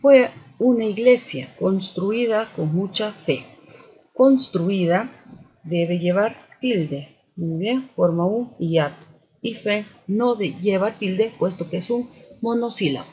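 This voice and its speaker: Slow, methodical male teacher. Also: high-pitched, animated, a little mellow, breathy edge. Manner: methodical, repeats "continuamos" and "muy bien". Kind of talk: spelling and accent lesson for students. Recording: dull lo-fi sound.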